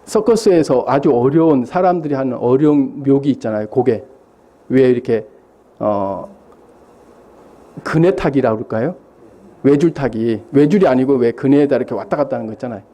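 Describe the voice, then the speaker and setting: A man's voice: mid-range voice, moderate pace, mellow. A man preaching a sermon as a missionary, telling stories with animation and quizzing the congregation.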